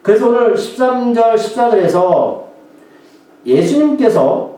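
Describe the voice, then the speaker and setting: A man's voice: very high voice, lively intonation, a little slow, mellow, heavy reverb, far from the mic, poor audio. A male pastor delivering a sermon in a conversational way, often throwing questions to the congregation.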